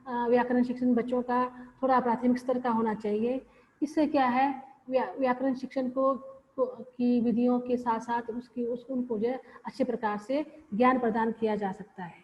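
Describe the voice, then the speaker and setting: Woman teacher lecturing, slow and repeats herself, kinda high voice, muffled audio. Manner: explains slowly with repeated phrases and pauses. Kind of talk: classroom lecture. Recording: dull lo-fi audio with long reverb.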